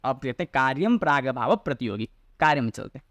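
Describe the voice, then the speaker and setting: A man teaching a lecture, asking rhetorical questions and answering them himself, and reciting classical phrases slowly. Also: mid-range voice, lively intonation, fairly bright tone, no room sound, clean studio sound. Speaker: Sanskrit teacher. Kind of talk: explanatory Hindi lecture on a Sanskrit logic text.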